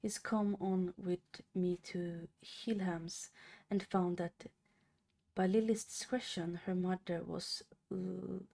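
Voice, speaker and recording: A young woman streamer reading a classic novel aloud on a live stream. She reads haltingly, stumbling over and restarting words. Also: fairly low pitch, fairly even intonation, vocal fry, mellow, a little hiss or hum.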